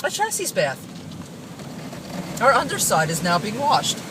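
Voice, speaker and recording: A middle-aged woman chatting casually in an excitable, playful manner. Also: a little high, a little slow, recorded from a distance. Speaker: vlogger's mother. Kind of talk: casual chat. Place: inside a car in a car wash. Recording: loud car wash noise, off-mic. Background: loud car wash machinery.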